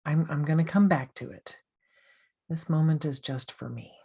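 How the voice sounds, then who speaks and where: A woman coach leading a guided meditation in a slow, soothing, gently inviting way. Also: deep voice, creaky, breathy edge.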